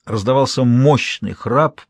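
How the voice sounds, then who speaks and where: A man narrating a dramatic audiobook in an expressive, storytelling way. His mid-pitched voice has a husky grain. The recording is dry and close, with no room sound. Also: a little slow, no echo.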